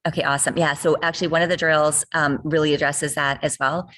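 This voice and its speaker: A middle-aged woman with a low voice talks through injury rehab on a video call. She is earnest and circles back to repeat her main points. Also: flat delivery, fast, a bit bright. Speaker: fitness trainer. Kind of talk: explanatory interview talk.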